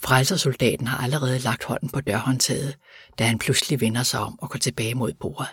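A man narrating an audiobook in an even, measured reading. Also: medium pitch, husky. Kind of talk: scripted narration.

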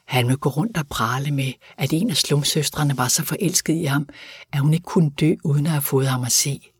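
A man voicing a reluctant, agitated male Salvation Army soldier, with a husky voice. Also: on the high side, no room sound, studio quality. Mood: indignant. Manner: pleading and indignant.

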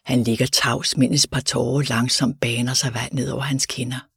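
Male audiobook reader, calm and even, husky, dry booth. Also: medium pitch, no room sound. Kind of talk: scripted narration.

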